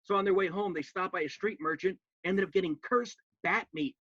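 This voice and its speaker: A comedian playing a cheerful, earnest male hobbit gardener with a gravelly voice, chatting as if over a video call. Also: high voice, a little fast, fairly bright tone, no echo. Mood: wry. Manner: earnest, folksy, talking to a friend on a video call. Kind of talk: cosplay stand-up character bit. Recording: dull lo-fi dry sound.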